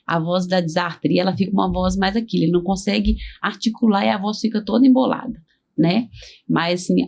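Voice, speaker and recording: Gravelly-voiced woman speech therapist. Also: fairly low pitch, a little mellow. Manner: casual, relatable comparisons. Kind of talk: explanatory interview talk.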